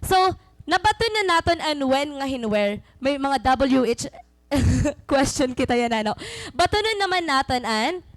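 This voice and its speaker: A young woman preacher from Samar with a Waray Filipino accent gives a sermon, switching between Waray and English in an animated, teaching way. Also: sits high, measured pace, dry recording, poor audio. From Samar, Philippines. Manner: animated, mixing Waray and English mid-sentence; teaching, repeats and defines key words.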